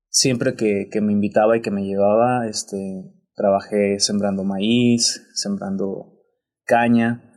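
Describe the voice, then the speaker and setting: A Mexican man, a priest, talking about his life in a podcast interview in a reflective, unhurried way, often restarting his sentences. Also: lowish voice, creaky.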